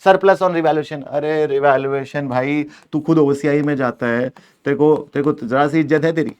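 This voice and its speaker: A man's voice: a little high, fairly even intonation, moderate pace, a little mellow, smooth. Playful male accounting teacher. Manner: playful, scolds answer options, switches between Hindi and English. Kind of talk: exam-prep lecture.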